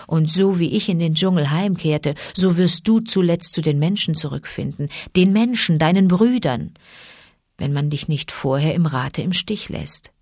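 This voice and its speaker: Wise protective panther, low and hushed, read by a woman; dry close sound. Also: moderate pace, no room sound. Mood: confiding. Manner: calm, low and confiding, urgent at times. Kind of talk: audiobook character reading.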